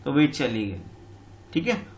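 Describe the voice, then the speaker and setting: Male teacher for a children's lesson: patient, repeats himself, voice a little high, echoey room. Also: lively intonation, normal speed, fairly bright tone. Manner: patient and repetitive, calls pupils बेटा. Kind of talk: online class lesson explaining a textbook.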